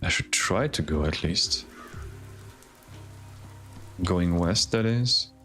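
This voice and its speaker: A fairly low-pitched man on a gaming livestream, reading the game's dialogue aloud in a casual, playful way. His voice jumps up suddenly when something excites him, and faint music plays behind him. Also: slow. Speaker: streamer.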